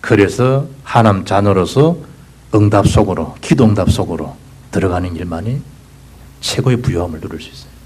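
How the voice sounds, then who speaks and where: A man with a Gyeongsang Korean accent preaching a sermon as pastor, swinging between loud bursts and hushed whispers. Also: low voice, lively intonation, moderate pace, slight background noise, rough recording. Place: church sanctuary.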